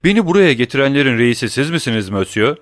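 A man's voice: mid-range voice, sing-song, fast, dry recording, clean studio sound, pitched above the performer's own voice, lightly acted. A man voicing a desperate, greedy captive banker in an audiobook, pleading and agitated.

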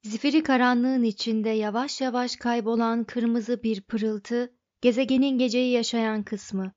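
A woman narrating an audiobook in a measured, even manner, her voice sitting a little high. The recording is dry with no room sound and slightly dull in tone. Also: no room sound.

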